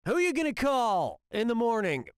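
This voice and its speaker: A man's voice: extremely high pitch, huge pitch swings, normal speed, background noise, full character voice. A man playing a wisecracking, sarcastic quiz show host in a video game, with a snarky, punning delivery. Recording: game audio with loud music behind. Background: loud game music.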